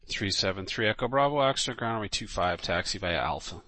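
A man's voice: fairly low pitch, lively intonation, brisk, sharp tone, no echo. A man working as an air traffic controller, giving clipped, official radio instructions.

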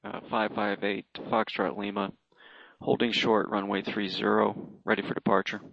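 A man speaking as a pilot making aviation radio calls to air traffic control, with halting, hesitant phrasing. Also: on the low side, level tone, creaky. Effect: aviation radio transmission. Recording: dull, narrow radio-band sound.

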